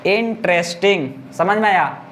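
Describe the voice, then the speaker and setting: In class, a male teacher goes over grammar, slowly repeating words and frequently checking whether his students understood. His voice is high and a bit bright, with a slight hiss or hum on the recording.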